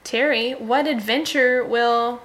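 A woman's voice: on the high side, steady tone, slow pace, a bit bright, a little hiss or hum. A young woman chatting casually with a friend, agreeable and giggly. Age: young adult. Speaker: co-host. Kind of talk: casual chat.

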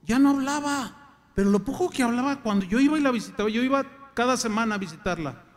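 High-voiced Mexican pastor preaching. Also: male voice, lively intonation, fast talker. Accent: Mexican Spanish. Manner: emphatic preaching, acts out quoted voices. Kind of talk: sermon. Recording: long hall reverb.

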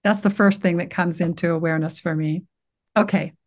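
An older woman gently guiding a listener through an inner awareness exercise, reassuring and unhurried, with frequent restarts. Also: lowish voice, fairly even intonation. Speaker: guest teacher guiding a practice. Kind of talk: guided meditation walkthrough in conversation.

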